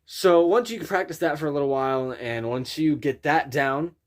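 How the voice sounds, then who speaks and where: Casual man giving a rambling vocal tutorial. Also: fairly high pitch. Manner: informal, rambling, halting explanations. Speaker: scream vocal instructor.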